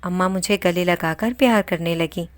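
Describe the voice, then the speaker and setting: A woman reading a dramatic first-person story in a steady storytelling voice. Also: fairly low pitch, no echo.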